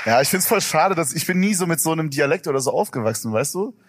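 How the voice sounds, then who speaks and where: Young man from Brandenburg, slightly high voice, laid-back slangy chatter, live podcast co-host. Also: animated, quick pace, heavy background noise. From Brandenburg, Germany. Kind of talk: live stage comedy podcast. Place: stage before a live audience.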